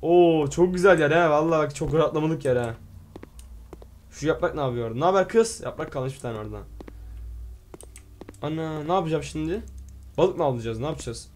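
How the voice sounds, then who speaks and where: Man, gaming host, let's play commentary; excitable, slightly higher voice, reads on-screen text aloud. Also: fairly quick, long pauses, slight background noise. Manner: excitable, exclaims and playfully swears at the game.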